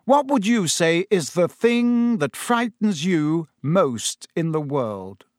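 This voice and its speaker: A man doing a gentle, wry teacher. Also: fairly high pitch, sing-song, takes it slowly, dry recording, studio quality, voice pushed up. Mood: patient, instructive. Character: kindly, wry male teacher, calm and encouraging.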